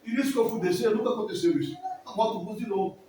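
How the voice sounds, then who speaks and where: A man in his forties tells his story to a church congregation at a quick pace, emotional and rambling, often circling back over the same words. His voice sits high for a man. He is picked up from a distance in a very echoey hall, with faint noise behind him. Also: warm tone. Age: 40s. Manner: emotional, rambling, repeats himself. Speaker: church member giving testimony. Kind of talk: spoken testimony in church.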